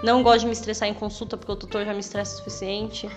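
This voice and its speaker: A woman's voice: medium pitch, level tone, racing, soft background music. A young woman veterinarian in casual chat, emphatic and outspoken, swearing freely. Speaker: veterinarian guest.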